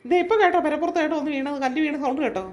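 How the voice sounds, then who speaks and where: A woman voicing a fussy, worried old grandmother in a cartoon. She frets and scolds in rapid, animated bursts. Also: high voice, close to an everyday voice. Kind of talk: cartoon voice acting.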